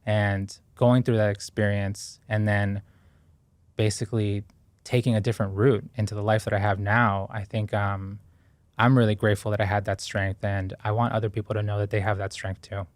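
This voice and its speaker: Here the Ecuadorian guest, a man in his thirties, speaks at normal speed in a fairly low, level-toned voice with no echo. He looks back on his past earnestly and thoughtfully in reflective interview talk, frequently restarting and filling pauses.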